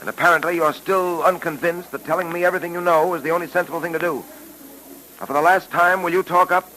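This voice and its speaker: An actor playing an earnest male police detective in a 1940s radio drama, speaking calmly and with authority. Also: fairly high pitch, slight background noise, poor audio. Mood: tense. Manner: calm, measured, authoritative.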